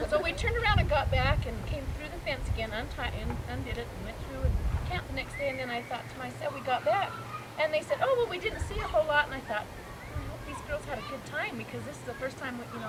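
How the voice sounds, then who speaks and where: A woman telling a funny story at a campfire gathering outdoors, laughing as she goes. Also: high-pitched. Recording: loud noise and crowd behind. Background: crowd and outdoor noise.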